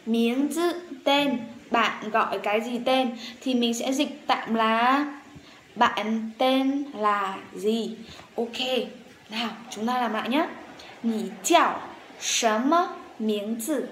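A woman teaching a language lesson, saying words slowly and repeating them several times for learners to copy. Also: on the high side, a bit bright, echoey room, slight background noise. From Vietnam.

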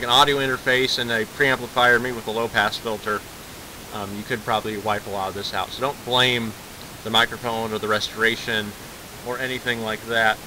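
Male vintage-tech host, wry rambling delivery, bright tone, steady background hiss from an old carbon mic. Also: medium pitch. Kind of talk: casual demo talk. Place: home room with pillow fort. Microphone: 1930s carbon microphone.

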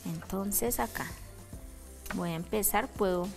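A woman's voice: medium pitch, slow pace, vocal fry, over music. Woman teaching a candle craft. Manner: checks in with a frequent "¿listo?". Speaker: craft instructor. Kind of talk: step-by-step craft demonstration.

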